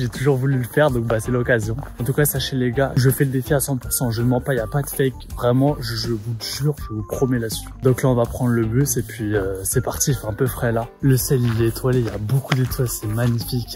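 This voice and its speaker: A man's voice: mid-range voice, steady tone, fast talker, hardly any pauses, music in the background. A young man chatting to his viewers in a casual, slangy vlog style. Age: young adult. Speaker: vlogger.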